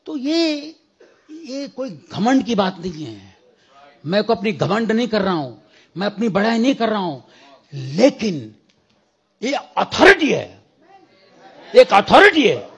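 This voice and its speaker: A man's voice: high-pitched, very animated, a little slow, slightly rough, lo-fi sound. A man preaching a testimony in church, telling a story with acted-out dialogue, mixing in English phrases. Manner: storytelling, acts out dialogue, bursts into shouting prayer. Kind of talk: sermon testimony.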